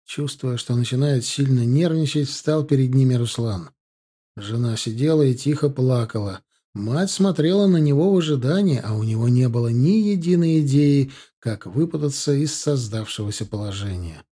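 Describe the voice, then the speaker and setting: Male audiobook narrator, husky, dark mellow tone, measured storytelling. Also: medium pitch, expressive. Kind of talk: scripted narration.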